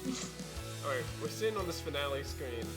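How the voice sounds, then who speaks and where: A man's voice: fairly high pitch, animated, moderate pace, over music. A man who performs improv comedy, bantering casually and joking.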